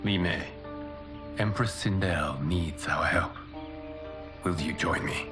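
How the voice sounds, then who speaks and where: A man voicing a calm, grave male warrior protector who speaks in a measured, solemn way. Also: sits low. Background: music.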